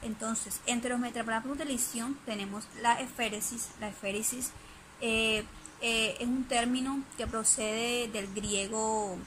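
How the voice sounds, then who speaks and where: A woman's voice: on the high side, steady tone, measured pace, fairly bright tone, slight background noise, poor audio. A woman giving a spoken lesson presentation, hesitant, with many fillers and restarts.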